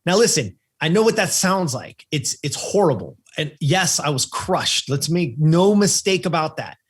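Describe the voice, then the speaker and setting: Animated fifty-something male storyteller. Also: a little high, normal speed, slightly rough. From California. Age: 50s. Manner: animated storyteller who acts out the people he quotes. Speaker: podcast guest. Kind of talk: personal storytelling in a podcast conversation.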